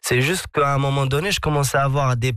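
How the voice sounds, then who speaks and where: A man's voice: medium pitch, fairly even intonation, fast, a bit bright, smooth, no echo, clean studio sound. A young Moroccan man, a DJ and producer, talks about his career in an interview, hesitant and full of restarts. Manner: hesitant, many fillers and restarts. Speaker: DJ and producer, guest. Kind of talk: interview conversation.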